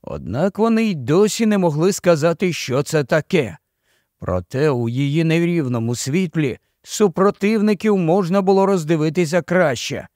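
Man reading an audiobook, slightly high voice, very dry close sound. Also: dry recording. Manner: even, storytelling delivery. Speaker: audiobook narrator. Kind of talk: scripted narration.

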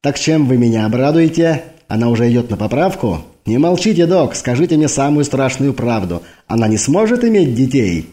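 A man's voice: medium pitch, sing-song, a little fast, few pauses, dark tone, close to an everyday voice. A man reading an audiobook, voicing a tactless, chatty army major who rambles in cheeky banter. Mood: excited banter.

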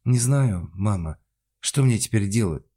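A man voicing a naive, childlike young woman, raising his voice higher and louder. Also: expressive, unhurried, breathy edge. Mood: pleading. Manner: pleading, high and raised.

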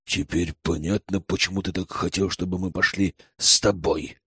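Man doing a gruff, growling elder, dry studio read. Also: low voice, fairly even intonation, moderate pace, fairly bright tone, no echo, pitched below the performer's own voice, exaggerated voice. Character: angry grim male village elder. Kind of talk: audiobook character reading.

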